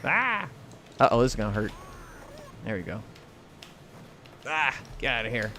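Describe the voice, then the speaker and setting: A man's voice: fairly low pitch, fairly even intonation, quick pace, a bit bright. An American man hosting a livestream, chatting casually and commenting while he plays. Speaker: livestream host and gamer. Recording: clear noise, game sounds behind. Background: video game sound and clacking arcade buttons.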